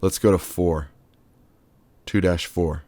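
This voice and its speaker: A man's voice: low voice, fairly even intonation, slow, warm tone, no echo. A man giving a loose, chatty hands-on synth tutorial, cracking offhand jokes and the odd swear word. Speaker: synth module demonstrator.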